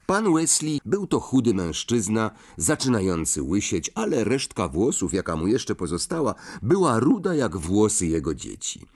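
A man narrating a storybook in an expressive, animated reading. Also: lowish voice, normal speed, few pauses, no room sound, studio quality. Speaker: audiobook narrator.

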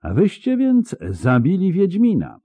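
A man's voice: medium pitch, big pitch swings, unhurried, dark tone, no echo, pitched above the performer's own voice. A man voicing a tall, sly male half-elf who speaks in a suave, condescending way in an audiobook. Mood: mocking.

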